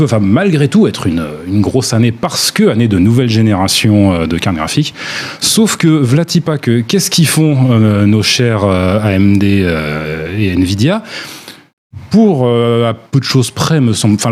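A man's voice: medium pitch, darkish tone. A man giving casual analysis as a panel commentator, wordy and hesitant as he explains. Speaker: hardware commentator on a panel show.

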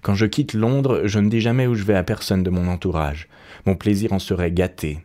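A man's voice: low voice, fairly even intonation, a little fast, dark tone, close to an everyday voice. A man reading aloud and voicing an earnest, troubled young painter who speaks sincerely.

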